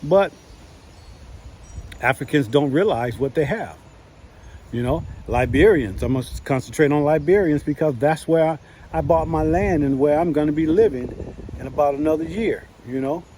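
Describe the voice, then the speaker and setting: A man talking casually to camera from his yard, relaxed and folksy, with lots of "you know" fillers. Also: fairly high pitch, normal speed. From United States. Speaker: vlogger.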